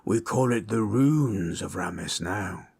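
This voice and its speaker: Somber in mood, a gentle orc storyteller, played by a man with a very low voice, soothes a listener in an intimate roleplay. He speaks slowly and heavily acted, with lively intonation and a husky grain, his plain, rustic speech ungrammatical. The rough-spoken orc is comforting and tells of old lore.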